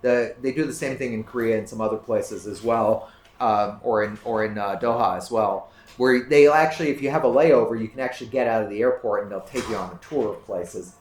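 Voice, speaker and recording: A man's voice: on the low side, a little fast. A man presenting a trip slideshow to a club audience in a casual, rambling way, restarting his sentences often. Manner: rambling, self-correcting, many restarts. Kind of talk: casual slideshow talk to a group. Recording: roomy room echo, faint background noise.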